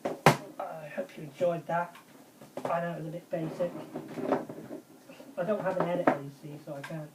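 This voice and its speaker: A woman's voice: lowish voice, steady tone, moderate pace, long pauses, very noisy. A woman, casually reviewing her favourite retro video games in an enthusiastic, rambling way and repeating her praise. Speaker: video game vlogger.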